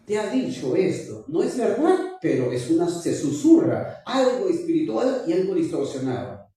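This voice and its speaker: A man's voice: sits high, wildly swooping pitch, normal speed, mellow, heavy reverb, far from the mic. A man preaching voices the devil as a sly, seductive male tempter who drags out his coaxing words.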